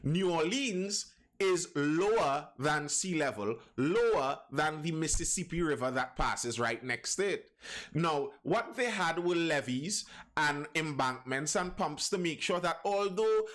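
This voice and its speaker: The host of a live show, a man from Trinidad, chats casually with his stream audience and reads their comments, wandering between topics and restarting lines frequently. His fairly high voice has lively intonation, a measured pace and a slightly bright quality.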